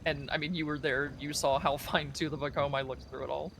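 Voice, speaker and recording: A man with a fairly high, bright, forceful voice, speaking in character as an officer in a roleplay. He talks in a measured, hedging way, full of fillers. Faint traffic sounds sit in the background. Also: flat delivery, gravelly. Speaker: law enforcement officer in a roleplay.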